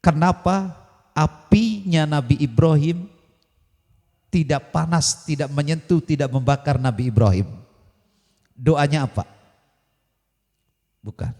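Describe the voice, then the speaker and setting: A man's voice: on the high side, takes it slowly, long pauses, warm tone. A man preaching at a religious study session, telling a story and putting questions to his listeners, then answering them himself. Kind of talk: Islamic study sermon on radio. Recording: radio broadcast with long hall reverb.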